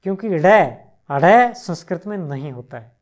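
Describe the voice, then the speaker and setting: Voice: medium pitch, expressive. A teacher giving a language lesson, patiently reciting verb forms in repeated drills and adding short reassuring explanations. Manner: repeats each form in slow, deliberate drills. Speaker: Sanskrit teacher.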